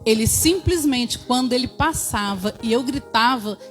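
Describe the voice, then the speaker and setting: Woman in her fifties, high voice, church testimony, storytelling tone, faint music behind. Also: animated, moderate pace. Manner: storytelling, addressing the congregation as brothers, acting out quotes. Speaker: preacher giving testimony.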